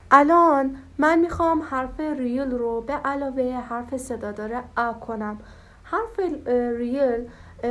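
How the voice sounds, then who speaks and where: Woman slowly drilling syllables as a teacher. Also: fairly high pitch. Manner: slow, drawn-out syllables repeated for practice. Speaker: language teacher. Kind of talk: step-by-step language lesson.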